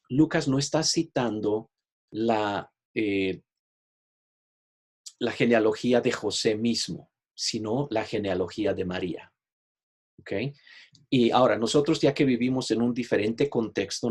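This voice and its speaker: Husky-voiced man teaching a Bible lesson. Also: medium pitch, a little mellow. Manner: explanatory, repeats "¿ok?" to check understanding; shares screen while teaching, online class. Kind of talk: Bible study lecture.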